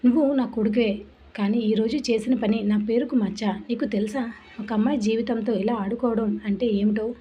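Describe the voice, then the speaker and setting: A woman's voice: on the high side, steady tone, normal speed, lightly acted. A woman voicing a stern middle-aged male politician father who scolds his son with demanding questions, in a muffled lo-fi recording with faint hiss.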